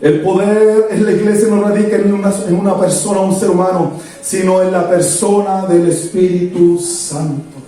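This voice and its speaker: A man's voice: high-pitched, steady tone, normal speed, dark tone. Fervent male preacher in an echoey church. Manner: fervent preaching in repeated emphatic lists. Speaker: pastor. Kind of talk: sermon. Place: church sanctuary. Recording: echoey church, distant mic, faint music.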